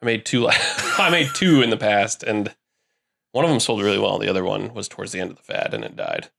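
A man with a low, gravelly voice talks shop on a casual podcast. He is laid-back and rambles, thinking aloud and restarting his sentences. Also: expressive, a little fast, sharp tone. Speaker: brewer and podcast co-host.

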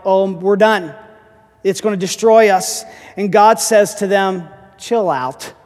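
A man pastor preaching an animated sermon, rising to shouts. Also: high voice. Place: church hall. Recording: reverberant church hall.

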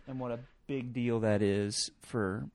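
Relaxed man chatting on a podcast. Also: medium pitch, measured pace. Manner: relaxed, hesitant with many fillers. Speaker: podcast co-host. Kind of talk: casual chat.

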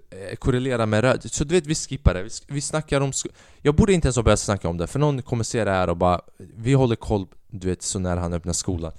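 A man's voice: mid-range voice, a little mellow, smooth, no room sound, studio quality. A man in his twenties hosting a solo podcast, rambling restlessly, swearing often and mixing in English phrases. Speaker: podcast host. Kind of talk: casual solo monologue.

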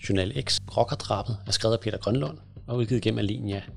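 A man hosting a podcast, reading a crime book aloud and then reviewing it in calm, steady storytelling. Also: fairly low pitch, vocal fry.

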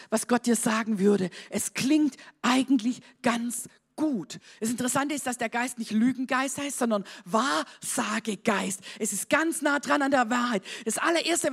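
A woman preaching a charismatic sermon to a congregation, swinging from shouted declarations to quiet conversational asides and asking them questions. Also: on the high side, vocal fry, breathy edge. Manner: talks straight to the congregation with questions and amens.

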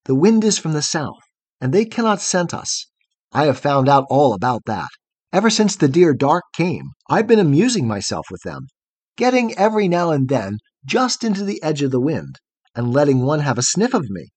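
A man voicing a brave, gentle young woman of the night who coaxes and protects her frightened companion. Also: a little high, normal speed, breathy edge, dry recording. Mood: coaxing. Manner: calm, coaxing, protective.

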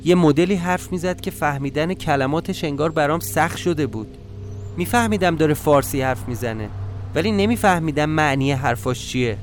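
A man narrating a first-person story for a podcast in a calm, measured, matter-of-fact way. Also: fairly high pitch, soft background music.

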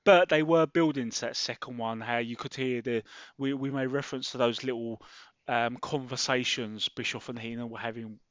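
A man co-hosting a wrestling podcast, calmly analyzing the footage and tagging on questions. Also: mid-range voice, moderate pace, no room sound, muffled recording. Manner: analytical, asks rhetorical tags. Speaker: podcast co-host. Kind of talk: casual wrestling watch-along chat.

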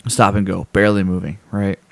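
A man with a low voice talks through a story in a loose, rambling way, full of fillers and restarts. He throws himself into the other people's lines as he tells it. The sound is dry, with no room around it. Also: little pitch movement, a little fast, vocal fry, fairly bright tone, no room sound. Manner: acts out people's lines in a raised voice when telling stories. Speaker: podcast host. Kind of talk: casual chat, storytelling.

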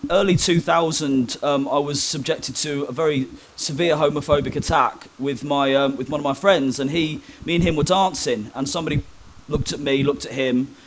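A man's voice: fairly high pitch, fairly even intonation, normal speed, a little hiss or hum. A young man telling personal stories candidly in an interview, hesitant, with many ums and restarts. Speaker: guest. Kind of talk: conversational storytelling.

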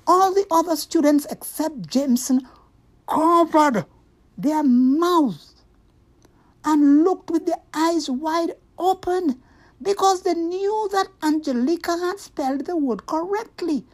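A woman narrating a scripted story for children, with deliberate, expressive delivery. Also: very high voice.

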